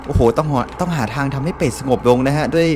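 A man's voice: a little high, fast, background noise. A man from Thailand giving jumpy, exclaiming commentary over a horror game, swearing often. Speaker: gameplay streamer.

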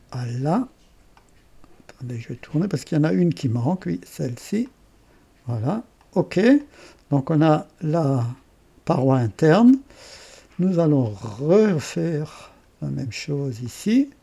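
Slow, husky Alsatian man explaining software. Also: a little high. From Alsace. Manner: thinking aloud, self-correcting, chatty asides. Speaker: software tutorial host. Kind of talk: screen-recorded software tutorial.

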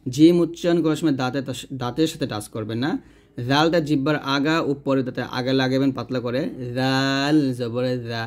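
A man giving a pronunciation lesson for Quran recitation, patiently explaining and slowly drawing out each letter sound. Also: mid-range voice. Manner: slow, drawn-out demonstration of letter sounds.

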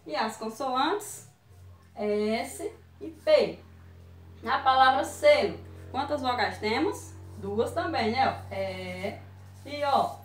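A Brazilian woman teaching small children, her fairly high voice moving at an unhurried, careful pace. She sounds out syllables and letters one by one with patience. She is recorded from a distance in an echoey room. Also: expressive, faint music behind. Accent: Brazilian Portuguese. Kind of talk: online lesson for young children.

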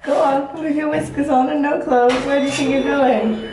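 A woman's voice: high-pitched, fairly even intonation, moderate pace. A woman in her twenties, teasing and giggly, chatting casually from behind a handheld camera. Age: 20s. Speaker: prankster vlogger. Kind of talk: casual prank vlog chat.

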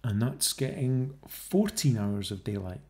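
A man's voice: mid-range voice, animated, unhurried, darkish tone. A man narrating his own screen-share video, working through figures and mocking the idea he debunks. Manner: scornful, mocking asides, thinking aloud. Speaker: video creator debunking a theory. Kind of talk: casual screen-share commentary.

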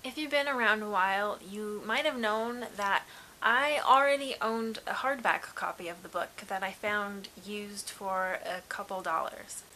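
A chatty woman reviews books in a casual vlog, upbeat and eager. Her voice is bright and clear, with a faint hiss behind it. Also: medium pitch, a little slow, low-quality recording. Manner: chatty and upbeat, with frequent "really". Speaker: book vlogger. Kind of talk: casual book review and giveaway.

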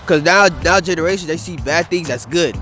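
In an outdoor interview on a grass field beside a city skyline, a young man who rides wheelies speaks with a fairly high pitch and a brisk pace. His talk is loose and rambling, thick with slang like "bro" and "dude," picked up by a handheld mic the interviewer holds over background music.

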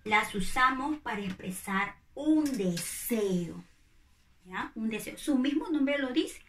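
A woman's voice: fairly high pitch, lively intonation, takes it slowly, reverberant, a little hiss or hum. A woman primary school teacher, giving a recorded grammar lesson to young children and patiently asking questions that she answers herself.

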